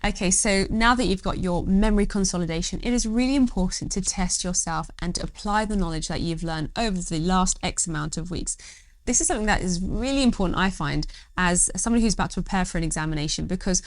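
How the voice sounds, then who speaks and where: A woman's voice: on the low side, fast talker, no echo. A young woman doctor giving study tips to camera, upbeat and encouraging. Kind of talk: educational talk to camera.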